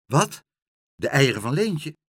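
A man's voice: medium pitch, big pitch swings, takes it slowly, fairly bright tone, breathy edge, dry recording, clean studio sound, voice pushed up, exaggerated voice. A man voicing a polite, timid little boy who talks hesitantly, in a read-aloud children's story.

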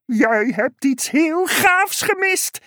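A woman's voice: high-pitched, animated, slow pace, a bit bright, no room sound, studio quality, pitched above the performer's own voice, heavily acted. A woman voicing a cheerful male frog in a children's story, squealing and exuberant. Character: overjoyed cheerful male frog, always happy. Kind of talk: storybook character voice.

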